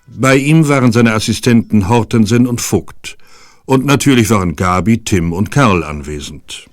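A male narrator reading scripted narration in a measured, serious manner. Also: on the low side, animated, dry recording, clean studio sound.

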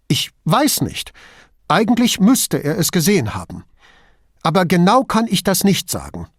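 A male reader voicing a nervous young lawyer who protests in a high, agitated voice. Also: measured pace, darkish tone, no echo, studio quality.

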